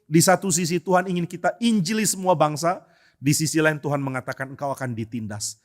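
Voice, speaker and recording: A man's voice: a little high, a little fast. A male pastor preaching a sermon in church, asking rhetorical questions and acting out quotes with emphasis.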